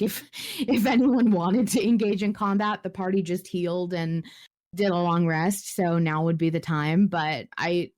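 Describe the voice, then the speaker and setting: With a medium-pitched, somewhat mellow voice, a woman hosts a relaxed podcast chat. She thinks out loud as she talks and occasionally reads comments aloud.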